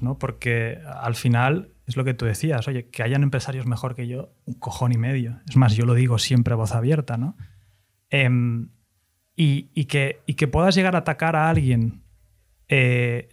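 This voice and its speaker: Soft-spoken reflective man. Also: medium pitch. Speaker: guest youtuber. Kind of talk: casual podcast chat.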